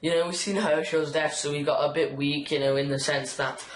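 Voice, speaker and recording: A man's voice: on the high side, fairly even intonation, brisk. A man giving a casual, rambling TV episode review on his channel, full of fillers and enthusiasm. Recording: roomy echo.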